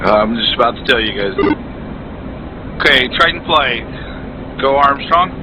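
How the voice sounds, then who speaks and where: A man's voice: mid-range voice, expressive, moderate pace, noisy background. A man giving instructional, directive radio calls and briefings as a flight lead in a flight simulator.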